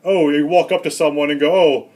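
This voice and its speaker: A man playing a rambling, grumpy old Santa Claus in a comedic vlog monologue, with deadpan, self-important asides. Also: on the high side, normal speed, close to an everyday voice. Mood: grumbling. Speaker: comedy vlogger.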